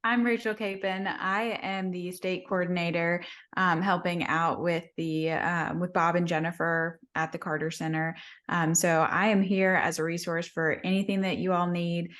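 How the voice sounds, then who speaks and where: A woman working as a state coordinator introducing herself on a video call, brisk and helpful. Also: fairly low pitch, little pitch movement, a bit bright.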